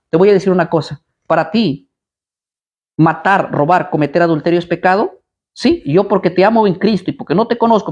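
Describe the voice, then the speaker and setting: A man's voice: sits high, a little mellow, highs cut off. A man preaching at a live Bible study, combative and blunt, firing rhetorical questions at his listeners.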